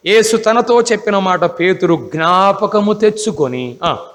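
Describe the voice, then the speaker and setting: A man's voice: high-pitched, unhurried, a bit bright, long reverb tail. A man preaching a Bible class sermon, emphatic, often asking the congregation rhetorical questions.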